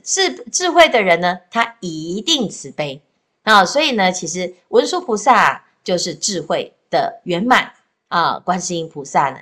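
A Buddhist teacher, a woman, explains a sutra gently and patiently. She often stretches sentence particles. Her voice is somewhat low, and she speaks over a video call. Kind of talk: sutra lecture.

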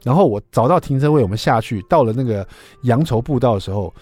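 A man's voice: mid-range voice, fast talker, dry recording. A middle-aged man, hosting a radio show and telling a story in a chatty way. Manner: chatty, acts out dialogue with lively voices. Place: radio studio.

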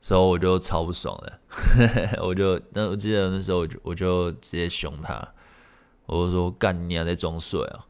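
Guy hosting a podcast, super deep gravelly voice, rambles and swears a lot. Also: fairly even intonation, normal speed, a little mellow. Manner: rambling, frank, swears freely. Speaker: podcast host. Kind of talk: casual personal storytelling.

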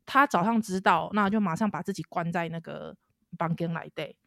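A woman's voice: on the low side, brisk, vocal fry, dry recording, clean studio sound. A woman podcast host with a Taiwanese accent chats casually while wearing a face mask, slightly muffled, often repeating words for emphasis. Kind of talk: casual podcast chat mixing Mandarin and Taiwanese Hokkien. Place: living room at home, recording remotely.

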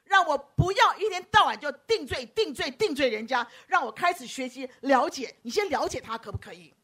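A woman preacher, giving a lively sermon, teasing her listeners by name and acting out quoted voices. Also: high voice, a little fast. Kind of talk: lively sermon with audience banter.

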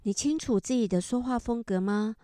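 Middle-aged female author and counselor, gentle explanatory storyteller; mellow voice, dry close recording. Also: on the high side, dry recording. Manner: gentle, explanatory, drawn-out particles. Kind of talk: book talk with storytelling.

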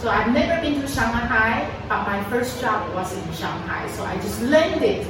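A Taiwanese woman in her forties, a native Mandarin speaker, gives a chatty personal testimony at a sharing event, her voice on the high side and expressive at normal speed. She repeats words and laughs often; the recording is noisy and echoey from far off.

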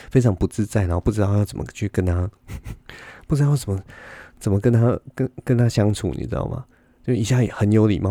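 Podcast host and comic, low, dark voice, rambling storyteller, laughs a lot, close dry mic. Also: male voice, dry recording. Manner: rambling, laughs often, many restarts. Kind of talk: casual storytelling monologue.

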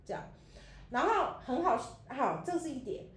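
A woman co-hosting a casual chat, telling an animated story and acting out her own past words. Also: high voice, moderate pace, reverberant. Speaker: podcast co-host.

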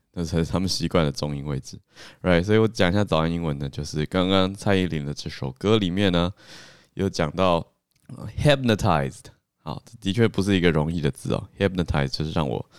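A man's voice: sits low, smooth, no room sound, studio quality. A man with a Taiwanese Mandarin accent co-hosting a morning news podcast, chatting casually and playfully, often laughing as he corrects English stress. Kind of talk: casual chat.

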